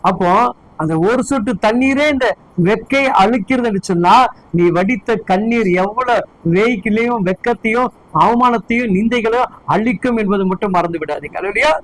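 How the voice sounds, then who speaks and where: A man's voice: sits high, normal speed, rough recording. A man preaching a sermon as pastor, fervently firing repeated questions at his congregation.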